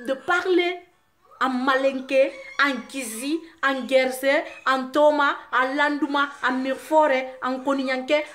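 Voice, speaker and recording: A woman from Guinea, whose first language is Susu, speaks French-accented English in a high-sitting voice as she delivers an impassioned vlog monologue to her fans. Her voice often climbs into loud, forceful outbursts as she addresses the camera.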